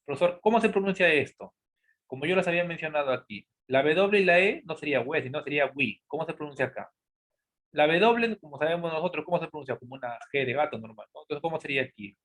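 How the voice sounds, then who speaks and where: A man teaching a grammar lesson. He poses students' questions aloud, answers them himself, and repeats key words slowly. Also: fairly high pitch, lively intonation, a bit bright. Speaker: English teacher. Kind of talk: classroom-style lesson explanation.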